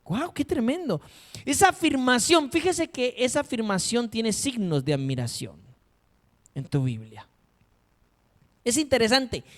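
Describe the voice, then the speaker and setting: A man's voice: extremely high pitch, very animated, a little slow, pauses often. A man preaching a sermon in a dramatic, emphatic way, asking his congregation rhetorical questions. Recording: long reverb of a hall.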